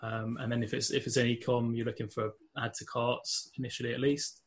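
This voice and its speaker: With a noisy background, a man from England talks briskly in a flat, mid-range voice with a London accent. As a podcast guest he keeps it casual, interview-style, with frequent fillers and restarts.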